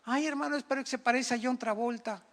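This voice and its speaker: A whiny, pleading young woman with a Mexican accent, fussing about how handsome her future husband will be, as a preacher puts her on. The voice is pitched high. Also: fairly even intonation, quick pace, a bit bright.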